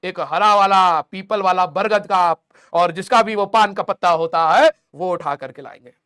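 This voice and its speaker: A man teaching physics in a joking, teasing manner, with playful scolding and sudden shifts between loud and soft. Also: sits high, moderate pace, clean tone. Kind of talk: comic classroom lecture.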